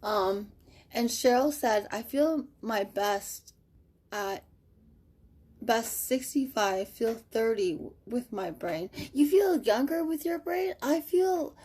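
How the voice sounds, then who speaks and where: Speaking slowly in a fairly high, darkish, slightly rough voice, a woman in her thirties hosts a casual live stream from home. She reads viewer comments aloud, upbeat and chatty, with lots of fillers. The audio comes from a webcam or phone on a live video.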